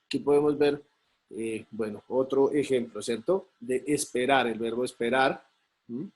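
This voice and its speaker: A man with a mid-range voice, speaking at normal speed, teaches an online class. He explains patiently and keeps checking on his students with tag questions.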